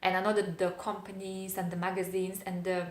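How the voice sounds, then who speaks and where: Fairly low and monotone, the voice belongs to a woman in her thirties, a vlogger speaking English with a noticeable foreign accent as a non-native speaker. She muses in a reflective monologue, pausing and using fillers, with roomy echo on the recording.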